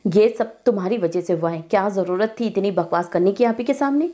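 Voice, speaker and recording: A woman's voice: medium pitch, fairly quick, natural voice. A woman voicing a hot-tempered young woman who snaps indignantly at her sister. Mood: resentful. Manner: sharp, snapping, indignant.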